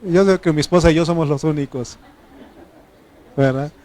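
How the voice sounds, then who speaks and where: This man's voice sits on the high side with a darkish tone and a normal speed. He is a middle-aged Mexican pastor with a Mexican Spanish accent whose native language is Triqui. In a folksy sermon, he calls on the congregation to respond.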